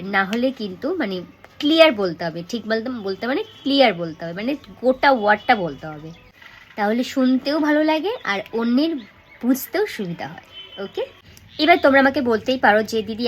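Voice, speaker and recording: A young woman acting coach explaining dialogue delivery, talking fast and checking in with her students. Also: fairly high pitch, slight background noise. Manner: speaks fast and checks in with "okay?", acts out dialogue lines softly as demonstrations. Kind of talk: acting lesson to camera.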